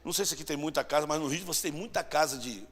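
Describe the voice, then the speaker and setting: Rio pastor preaching, kinda high gravelly voice, gets loud then hushed, big echoey church. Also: male voice, very fast. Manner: animated, swings between loud bursts and hushed asides. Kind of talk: sermon with storytelling. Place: church hall. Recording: church hall reverb, mic at distance.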